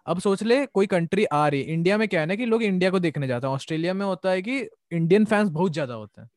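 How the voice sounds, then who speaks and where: Podcast host, young man, slightly high voice, dry close sound, loose rambling delivery. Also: animated, fast talker, a little mellow, dry recording. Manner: rambling, hedging with "okay?" tags. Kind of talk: casual chat.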